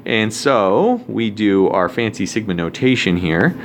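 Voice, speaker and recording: Man teaching math in a lively voice. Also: on the low side, unhurried, a little hiss or hum. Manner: casual, joking asides while writing. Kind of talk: recorded screen lesson.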